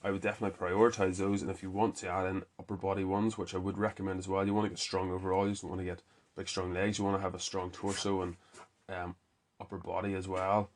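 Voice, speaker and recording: A young man, explaining gym lifts in a relaxed, casual podcast talk with frequent ums. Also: sits low, slight background noise. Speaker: fitness coach podcast host.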